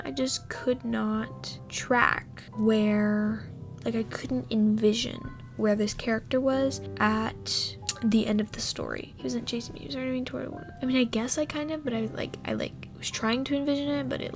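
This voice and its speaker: A woman host reading a scary story aloud in a hushed, often whispered voice, then chatting casually with fillers; her voice is husky. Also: on the high side, normal speed, music in the background.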